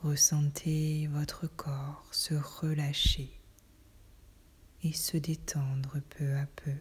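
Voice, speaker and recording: A woman whispering a guided relaxation in a soft, breathy, soothing voice, with slow delivery and long pauses. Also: sits low, little pitch movement.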